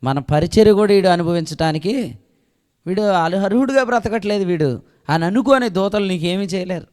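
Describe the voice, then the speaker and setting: A male pastor preaching a sermon who keeps asking the congregation questions and swings between loud declarations and soft asides. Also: high voice, moderate pace. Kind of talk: Telugu sermon. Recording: long echo of a hall.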